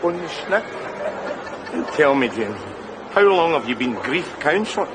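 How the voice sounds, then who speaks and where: A sardonic, exasperated Glaswegian husband, swinging his pitch up and down as he argues. Loud crowd chatter and street noise surround him. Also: very animated, measured pace. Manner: sarcastic, exasperated. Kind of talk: TV sitcom acting.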